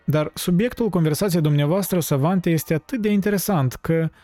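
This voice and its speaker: A polite, inquisitive middle-aged foreign gentleman with an accent, as a male narrator puts him on, courteous and quick to marvel. His tone is mellow and dark, close and dry. Faint music plays underneath. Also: a little high, dry recording, voice pushed up, natural voice. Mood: polite curious.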